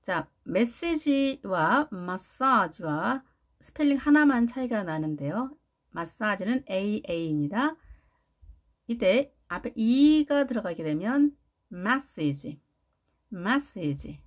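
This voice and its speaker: Slow, lively-pitched woman teaching pronunciation. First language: Korean. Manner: repeats each word slowly with stressed syllables. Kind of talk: pronunciation lesson with drilled repetitions.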